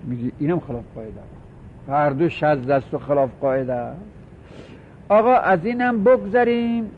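Male grammar teacher, a touch higher pitch, slow drawn-out examples, self-questioning lecture style, dull lo-fi sound. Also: animated, a little hiss or hum. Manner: drawls out example words slowly, poses and answers his own questions. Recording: dull lo-fi recording.

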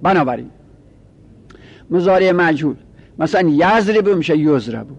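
Male teacher with a slightly high voice, methodical and repetitive. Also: animated, creaky, breathy edge. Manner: methodical, repeats each rule. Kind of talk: lecturing on Arabic grammar.

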